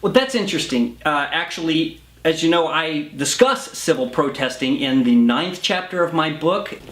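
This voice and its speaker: A man playing a defensive, flustered male professor in a screen drama, halting and evasive, in a roomy recording. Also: a little high, animated, fairly bright tone. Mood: strained politeness. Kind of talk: naturalistic screen acting.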